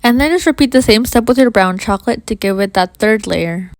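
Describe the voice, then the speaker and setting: Walking viewers through a baking tutorial, this host talks informally and addresses them as "you guys," with a slight lisp and whistling s. Her medium-pitched voice is brisk, and there is no echo.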